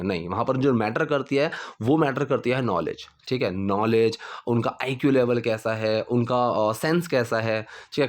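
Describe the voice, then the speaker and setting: Man, young adult, English teacher, slow explaining, repeats himself, animated pitch. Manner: slow, repeats phrases, asks "ठीक है?" after points. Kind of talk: explaining grammar to learners.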